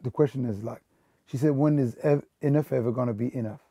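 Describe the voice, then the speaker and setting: A Belgian sneaker store manager in his thirties talks fast in a casual documentary interview, meandering with plenty of fillers and restarts. His medium-pitched voice is warm and husky, with no echo.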